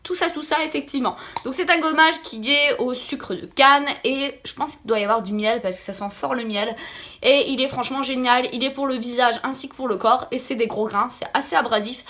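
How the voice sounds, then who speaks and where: A woman's voice: high-pitched, a little fast, bright, forceful tone. A woman with a lisp and slushy s sounds, sounding slightly sick, chatting casually and emphatically as she reviews beauty products to viewers. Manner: emphatic, repeats words for stress. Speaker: beauty vlogger.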